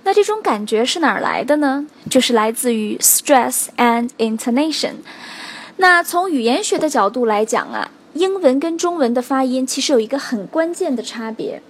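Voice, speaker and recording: A woman teaching a spoken English lesson, explaining stress rules clearly and stopping to check in with her students. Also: high-pitched, animated. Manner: explains slowly and clearly, stressing example words, checks in with "OK?" and "right?".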